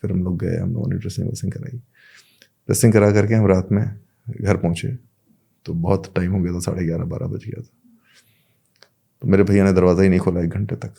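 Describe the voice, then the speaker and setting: A man's voice: sits low, steady tone, brisk, gravelly, long pauses, dark tone, slightly rough. A man, a podcast guest, casually telling a personal anecdote and acting out the back-and-forth of what people said. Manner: retells events with many quoted exchanges.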